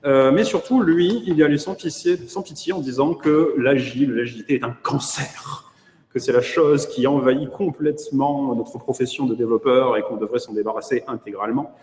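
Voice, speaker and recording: A man's voice: medium pitch, normal speed, darkish tone. A man with a French accent giving a conference keynote online, hesitant with many fillers and wry asides. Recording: echoey room with long reverb.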